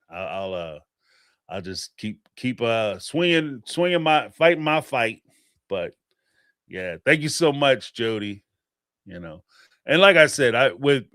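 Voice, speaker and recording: A man hosting a casual call-in livestream, reading viewer chats aloud and reacting in an emphatic, animated way, cussing freely. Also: medium pitch, no room sound, studio quality.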